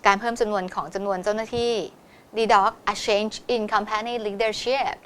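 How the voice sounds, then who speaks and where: A woman teaching a test-prep lesson, explaining in Thai and reading English exam lines slowly. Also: mid-range voice, little pitch movement, fairly bright tone, a little hiss or hum.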